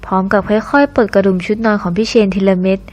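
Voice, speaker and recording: A woman narrating a scripted audio novel in an even, storytelling way. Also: mid-range voice, quick pace.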